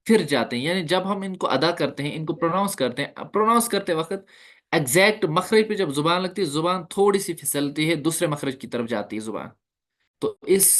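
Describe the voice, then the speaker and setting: A man with a slightly high, somewhat bright voice leads a recitation class. He walks through each point step by step, puts questions to the class, and demonstrates the sounds in this classroom lecture.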